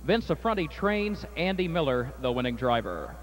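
Guy calling horses at the track, high voice, some faint outdoor hum. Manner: rapid rising race call, steady formal post parade. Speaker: track announcer. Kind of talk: harness race call. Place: outdoor racetrack.

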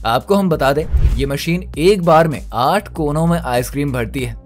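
A man giving a scripted voice-over for a factory explainer, in a steady explanatory tone, speaking to viewers directly. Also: a little high, moderate pace. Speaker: narrator of factory explainer videos. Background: faint background music.

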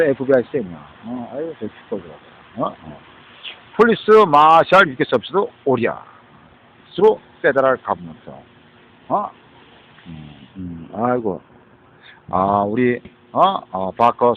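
A husky-voiced man rambles through a monologue, his pitch swinging up and down. He jumps between Korean and English and keeps tossing out a questioning "huh?". The recording sounds dull and lo-fi.

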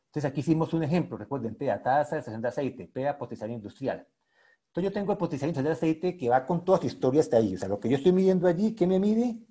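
This lecturer, a man with a Colombian accent, presents technical material online with plenty of enthusiasm, talking directly to his audience. His voice is medium in pitch, warm, and slightly rough.

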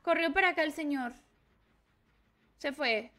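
A woman with a Mexican accent streaming a game live, excitable and swearing as she reacts to the play. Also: high-pitched, a little slow. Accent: Mexican Spanish. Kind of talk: live gameplay commentary.

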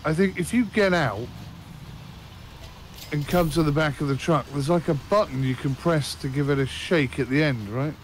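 A man hosting a casual gaming session, chatty and quick to laugh while playing with a friend. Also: fairly high pitch, slight background noise. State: slight frog in throat. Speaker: gaming channel host.

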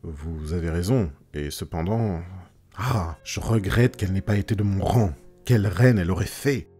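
A man's voice: deep voice, normal speed, dark tone, soft background music. A man voicing an impatient royal king with a brooding, regal manner. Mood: rueful. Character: vexed middle-aged male king, royal, impatient.

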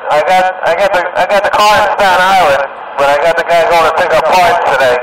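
A man with a fairly high voice chats casually over CB radio, swearing now and then. He sounds far from the mic, with a roomy echo. Heavy radio static runs under him. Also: fairly even intonation, fairly quick. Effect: heard over CB radio. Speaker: CB radio caller. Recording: echoey, distant CB radio with loud static.

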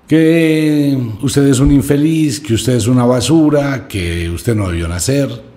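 A man voicing a calm, kindly male master who gives guidance in a told story. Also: on the low side, a little slow. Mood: guiding.

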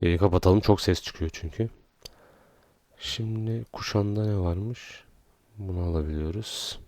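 A man giving casual gameplay commentary, calmly explaining menus and then playfully shouting at the game creatures. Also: low voice, unhurried, dry recording, faint music behind. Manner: playful, talks to the game creatures in bursts of excitement; laid-back walkthrough talk between outbursts. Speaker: gaming and tech YouTuber.

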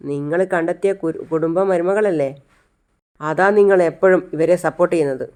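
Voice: medium pitch, fairly quick, a little mellow, smooth, lightly acted. A narrator voicing a harsh middle-aged mother who accuses and scolds insistently. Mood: scolding.

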